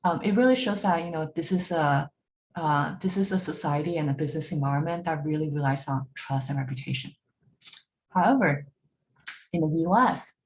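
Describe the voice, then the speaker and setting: A woman's voice: sits low, darkish tone. A woman presenting at a business bootcamp, often checking in with "right?" and restarting her sentences. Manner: frequent fillers and restarts, repeats words while searching; ends points with a questioning "right?". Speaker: workshop speaker. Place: online talk.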